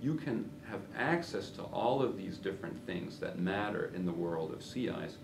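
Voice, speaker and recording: Deep gravelly man, far from the mic. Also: normal speed. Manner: thoughtful, searching for words. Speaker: sea ice researcher. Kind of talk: interview. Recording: roomy, distant mic with noise.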